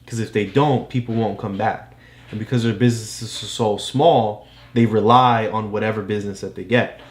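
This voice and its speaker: Speaking at an ordinary speed with a steady, mid-range tone, a parent explains a book to a child. The read-along lesson is casual and patient, with regular comprehension checks, and it's recorded in a room with noticeable echo.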